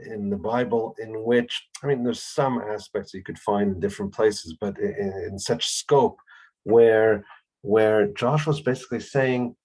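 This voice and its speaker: A man lecturing on a Bible text, speaking thoughtfully with pauses and fillers. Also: lowish voice, a little mellow, poor audio. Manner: lifts his voice to act out quoted speech. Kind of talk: explanatory lecture.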